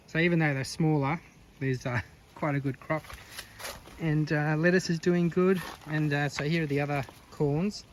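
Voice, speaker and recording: A man's voice: fairly high pitch, normal speed, a little hiss or hum. Chatty man vlogging his cooking. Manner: chatty, relaxed, talks himself through tasks with fillers. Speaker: vlogger, home gardener and cook. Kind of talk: casual cooking and garden vlog. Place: home kitchen and vegetable garden.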